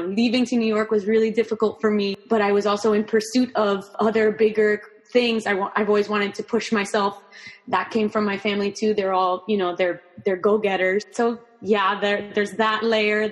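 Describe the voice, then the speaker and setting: This performing artist, raised in Miami, Florida, with Spanish as her first language, has a mid-range voice with a long reverb tail. She's a guest in a relaxed interview, reflecting on her own life. Her speech is thoughtful and full of restarts, broken up by warm laughter.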